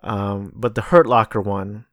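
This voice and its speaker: A man's voice: lowish voice, steady tone, a little slow, no room sound, clean studio sound. A man talking casually on his own about films he has and hasn't seen, rambling and correcting himself as he reads from notes. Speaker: vlogger reviewing films. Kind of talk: casual solo commentary.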